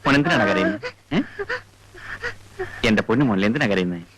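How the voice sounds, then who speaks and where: A man's voice: fairly low pitch, expressive, a little fast, natural voice. A man playing a father in an old film, fussing and scolding over his crying son. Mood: coaxing. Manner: flustered, scolding and coaxing by turns. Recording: noisy old film soundtrack.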